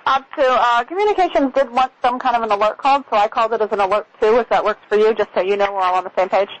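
A woman's voice: fairly high pitch, very fast, poor audio. A woman working as a ground controller, speaking over air traffic radio. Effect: aviation radio.

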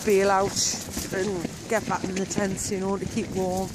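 A woman talking slowly and rambling to a camera from inside her tent at night. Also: mid-range voice, level tone. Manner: slow, rambling, with many ums and repeats. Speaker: organiser of a women's wild camping meet. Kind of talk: casual vlog to camera. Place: small tent on a windy hilltop at night. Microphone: camera close overhead in the tent. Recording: loud wind noise over the voice. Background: strong wind noise.

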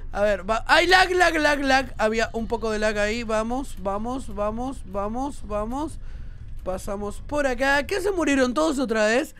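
Rioplatense man gamer, high bright voice, jumpy and shouty, lively pitch swings. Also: normal speed. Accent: Rioplatense Spanish. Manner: excitable, bursts into shouts. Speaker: gaming YouTuber. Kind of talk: let's play commentary.

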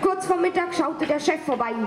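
A woman from Switzerland performing comic spoken word on stage with wry, deadpan storytelling. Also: very high voice, a little fast, a loud crowd, heavy background noise. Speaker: poetry slam performer. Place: stage in a large hall. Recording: echoey hall with faint ambience.

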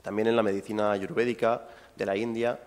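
A man's voice: fairly low pitch, flat delivery, brisk, darkish tone. A man giving a public lecture to a live audience, chatty and informal, with asides to the people in the room. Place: university lecture hall with audience. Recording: long hall reverb.

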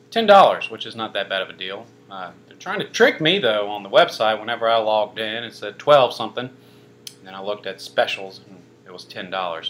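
A man's voice: fairly low pitch, fairly bright tone, slight background noise. A young man casually reviewing a pizza on camera, rambling with lots of fillers and dry self-mocking asides. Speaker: food reviewer. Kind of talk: casual food review vlog.

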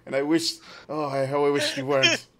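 A man voicing a composed adult woman healer with formal, halting speech. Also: fairly high pitch, little pitch movement, a crowd in the background, natural voice. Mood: offended.

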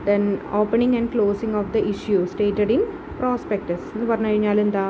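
A woman teaching commerce over slides, explaining in a mix of two languages with many fillers and reading English definitions slowly. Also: mid-range voice, steady tone, background noise.

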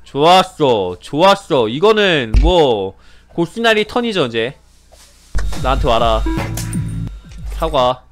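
A young man giving excited game commentary as a streamer, pleading, laughing and repeating himself. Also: a little high, soft background music. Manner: animated, pleading and laughing, repeats phrases rapidly. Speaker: gaming streamer.

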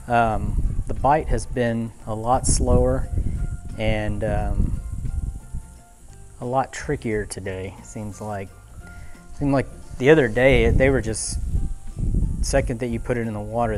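A young man giving casual commentary from a small boat outdoors, thinking aloud with many fillers. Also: medium pitch. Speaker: fishing vlogger. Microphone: action camera on the boat.

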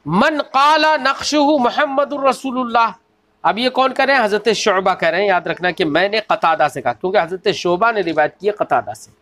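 High-voiced man teaching scripture. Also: a bit bright. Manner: asks rhetorical questions of the listeners; slow, deliberate recitation of quoted text. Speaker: religious teacher. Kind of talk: scripture lesson, reading Arabic then explaining.

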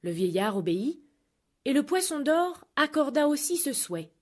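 Expressive woman reading a fairy tale. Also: high-pitched, moderate pace. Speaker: storyteller. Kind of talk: children's story narration.

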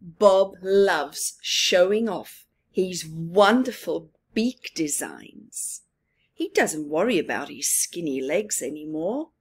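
In a small living room at home, a woman in her forties reads picture books to young children in a husky, breathy voice. She goes very slowly and deliberately, her pitch swinging in lively arcs, using dramatic pauses and emphasis and turning to the young viewers with asides.

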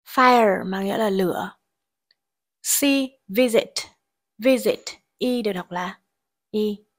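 Here a woman teaches English grammar and pronunciation, working through every exam answer and reading English sentences slowly ahead of her translations. Her voice is mid-range and a bit bright.

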